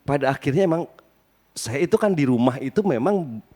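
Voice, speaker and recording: A man's voice: medium pitch, lively intonation, normal speed, dark tone. A middle-aged man on a stage panel, telling a rambling personal story and correcting himself as he goes. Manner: rambling, self-correcting anecdote. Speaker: panel guest. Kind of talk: live stage talk.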